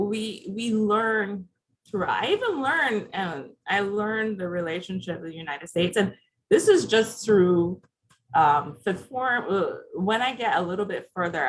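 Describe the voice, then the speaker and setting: A mid-range female voice comes through a low-quality recording. She's from Barbados and is giving a conversational, interactive presentation on a video call, asking her audience questions as she goes.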